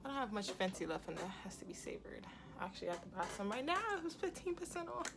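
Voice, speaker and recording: Giggly, tipsy woman with creaky voice. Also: mid-range voice, sing-song, quick pace, over loud music. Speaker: beauty vlogger. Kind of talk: casual makeup tutorial chat. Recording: noisy room ambience behind voice.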